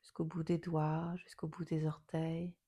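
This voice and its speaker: A woman leads a yoga nidra relaxation meditation, speaking soothingly and without hurry as the ends of her phrases soften almost to a whisper. Her voice sits low, with a flat, slightly rough delivery.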